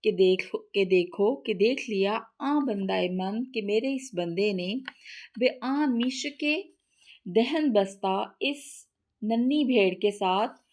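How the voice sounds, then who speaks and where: A woman's voice: medium pitch, darkish tone. Woman translating a lesson line by line. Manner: reads a phrase, then translates and explains it; repeats and rephrases phrases. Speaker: teacher.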